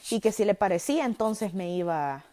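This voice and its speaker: Salvadoran woman telling a story, mellow tone. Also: mid-range voice, moderate pace. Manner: animated, lively retelling with self-corrections. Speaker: podcast host. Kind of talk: personal storytelling.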